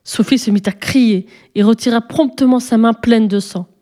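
A woman narrating a children's storybook in a calm, even storytelling manner. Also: fairly high pitch, normal speed.

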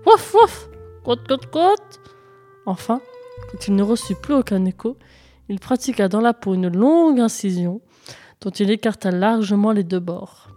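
A woman storyteller reading a folk tale aloud in a steady, expressive way. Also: medium pitch, normal speed, faint music behind.

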